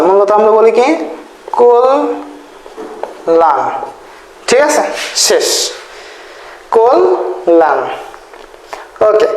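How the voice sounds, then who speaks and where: A man teaching an exam-prep lesson, repeating his points, often asking "thik ache?" and spelling words out slowly syllable by syllable. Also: sits high, a little hiss or hum. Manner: repetitive, checks in with "thik ache?". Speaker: tutor. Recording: echoey room.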